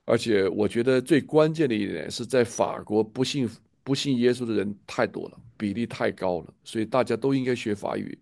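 A man's voice: medium pitch, fairly quick, creaky, hardly any pauses, a little mellow, dry recording, clean studio sound. A man leading a casual church chat, speaking with enthusiasm and a preachy manner, often repeating himself. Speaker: church leader.

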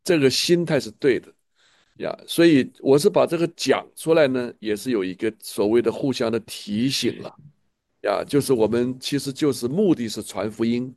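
Gravelly-voiced man preaching enthusiastically. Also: medium pitch, moderate pace, darkish tone, dry recording, studio quality. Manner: enthusiastic, preachy, repeats himself, trailing 呀 particles. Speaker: church leader. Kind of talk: casual church chat.

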